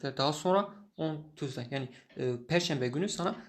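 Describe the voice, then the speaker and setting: A man teaching English who reads a short story and translates it line by line, pausing often with filler sounds. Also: fairly high pitch, lively intonation. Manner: halting, many filler sounds.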